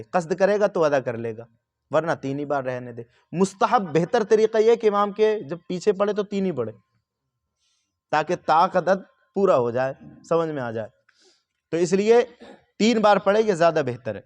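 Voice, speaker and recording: A man giving religious instruction, patiently explaining each step and repeating letters and phrases for his listeners. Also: high-pitched. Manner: patient, repeats and spells out sounds. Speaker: religious teacher.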